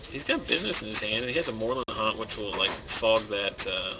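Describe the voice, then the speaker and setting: Gravelly low-voiced man commentating. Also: fast talker. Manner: relaxed, rambling, thinks aloud with fillers. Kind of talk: casual game commentary. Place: game store. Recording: background noise in a game store.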